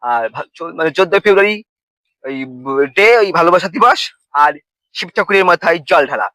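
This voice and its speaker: A man's voice: high voice, expressive, brisk, pushed and bright, dry recording. A young man with a Bengali accent who rambles through a comic monologue, fumbling his words and slipping into sing-song lines and mock wailing. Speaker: comedy vlogger.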